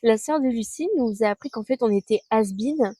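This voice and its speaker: Woman in her 20s, vlogger. Chatty, slangy, lots of fillers. Dark, mellow tone, dry recording outdoors. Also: a little high, normal speed, no echo. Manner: chatty and scattered, with youthful slang and many fillers. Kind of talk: casual monthly recap vlog. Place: outdoors under a tree.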